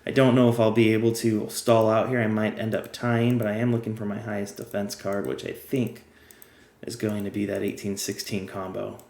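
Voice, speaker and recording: Slightly low man with a fading voice. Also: level tone, moderate pace, creaky, a little mellow, echoey room. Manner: chatty, explains step by step while playing. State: losing his voice. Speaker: game guide creator. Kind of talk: casual gameplay tutorial.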